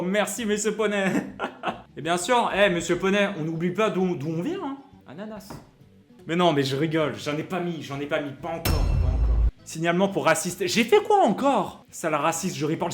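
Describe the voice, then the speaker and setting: A young man streams from his home kitchen, joking with his chat in a high, lively voice that swings up and down. He often moves away from the mic, and faint music plays behind him. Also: moderate pace. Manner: excitable, jokey, reads chat aloud. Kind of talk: live-stream cooking chat.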